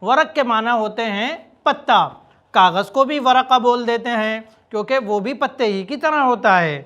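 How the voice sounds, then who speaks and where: A man teaching a spoken language lesson, explaining words quickly and then repeating example phrases slowly and deliberately. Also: extremely high pitch, fairly bright tone, highs cut off. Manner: slow, drawn-out repetition of example phrases. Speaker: Arabic teacher.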